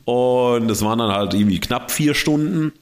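This man, a podcast co-host, has a medium-pitched voice and talks at a normal speed. He chats casually and rambles through long anecdotes packed with fillers. His microphone sits right in front of his face.

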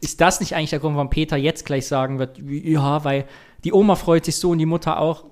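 A man's voice: fairly high pitch, steady tone, a little fast, darkish tone. A man co-hosting a casual film podcast who leads the segments and argues his reading of the scenes. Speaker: podcast co-host. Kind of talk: casual film-discussion chat.

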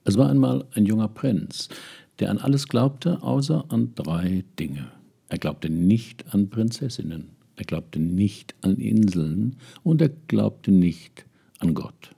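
An older man reads stories and reflective essays aloud, musing as he speaks directly to his listeners. His voice is lowish, slow and expressive, with a gravelly, husky warmth.

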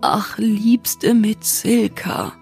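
A woman's voice: on the high side, expressive, slow pace, faint music behind, heavily acted. A woman playing an old loving but stern knight father. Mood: fond refusal. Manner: affectionate then gruff.

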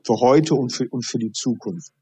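A man, a high performance coach, talking as a podcast guest and acting out dialogue while he tells stories. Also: normal speed, slightly rough. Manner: animated storytelling, acting out dialogue.

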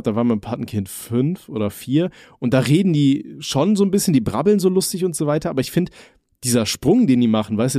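Guy rambling thru a story, lots of slang, darkish mellow voice, dry sound. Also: medium pitch, no echo. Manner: rambling slangy storytelling, says "Alter" often. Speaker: podcast co-host. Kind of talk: casual chat.

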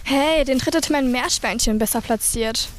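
A woman's voice: high voice, moderate pace, slight background noise, lightly acted. A girl playing a mocking, boastful bully in a children's radio play.

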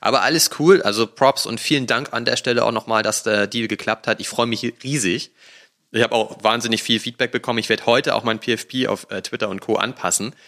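A man's voice: mid-range voice, fairly even intonation, fairly quick, fairly bright tone. A man co-hosting a podcast in casual chat, a chatty storyteller who rambles with fillers. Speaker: podcast co-host.

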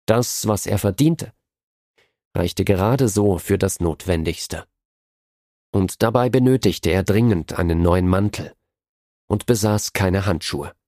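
A man narrating a story in a low, unhurried voice. The reading is measured and calm, recorded dry and close. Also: no echo.

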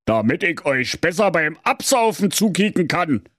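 A bossy wolf posing as a lifeguard, as a male storyteller puts him on, pitched up and lively, barking orders. Dry and close, a comic storybook villain. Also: moderate pace, no echo. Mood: menacing.

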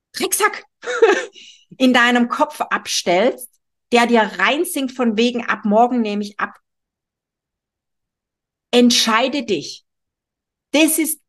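A middle-aged woman hosting a podcast, talking straight to the listener in an emphatic, strict way with a frequent questioning "ja?". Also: on the high side. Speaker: podcast host, weight-loss coach. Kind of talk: monologue podcast, direct address. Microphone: studio microphone.

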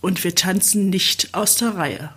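A woman puts on a controlled, dominant man in an audiobook, murmuring low and slow. The voice is soft and breathy, every word unhurried. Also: exaggerated voice.

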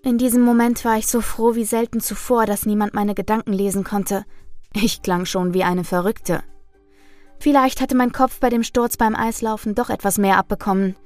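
A woman narrates a first-person ghost story in a measured, suspenseful way. Her voice sits close and dry, with faint music underneath. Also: medium pitch, steady tone, darkish tone, dry recording. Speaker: storyteller reading listener stories.

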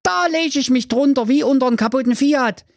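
Man putting on a loud greedy bro voice, high and crude, fairy tale parody. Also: sing-song, moderate pace, no room sound, clean studio sound. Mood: delighted. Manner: raised comic voice, crude and brash. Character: brash greedy young brother, crude and boastful.

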